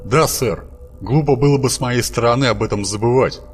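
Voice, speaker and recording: A man doing a higher, fussy archangel. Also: a little fast, soft background music, lightly acted. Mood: deferential. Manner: polite, dutiful, calls his master sir. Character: fussy, deferential male archangel servant.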